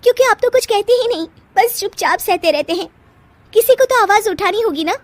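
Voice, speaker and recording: A woman voicing a feisty young wife in a cartoon story who talks back with indignant, quick retorts. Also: very high voice, no echo, voice pushed up. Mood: defiant.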